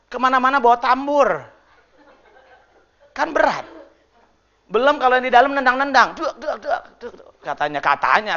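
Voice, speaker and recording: A man preaching a sermon as pastor, lively and joking with the congregation, acting out groaning voices. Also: sits high, lo-fi sound. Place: church hall.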